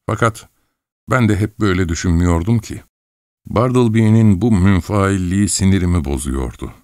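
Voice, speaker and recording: A man reading a first-person audiobook story in an expressive, wry storytelling manner. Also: low voice, moderate pace, no room sound. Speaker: audiobook narrator.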